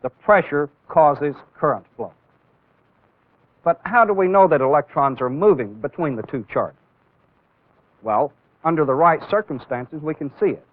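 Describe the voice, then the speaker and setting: A man with a fairly high voice instructs viewers in an old training film, explaining each step deliberately and emphasizing important words. The demonstration's audio has phone-quality sound.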